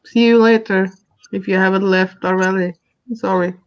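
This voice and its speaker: A woman's voice: mid-range voice, fairly even intonation, moderate pace, lo-fi sound, a little hiss or hum. A woman chatting playfully on a casual livestream call. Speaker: host's mother.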